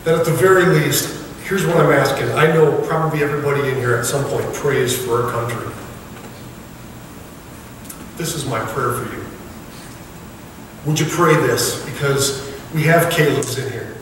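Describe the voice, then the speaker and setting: In a large church sanctuary, a male pastor preaches earnestly, pressing the congregation with repeated questions. His mid-range voice moves at a moderate pace with long pauses and some background noise. The hall is echoey and the mic sits far away.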